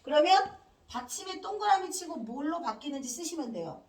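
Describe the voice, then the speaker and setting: A woman's voice: high-pitched, big pitch swings, normal speed. A woman teacher giving a classroom grammar lecture, asking questions and answering them herself and drilling letters one by one. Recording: echoey room, mic at a distance.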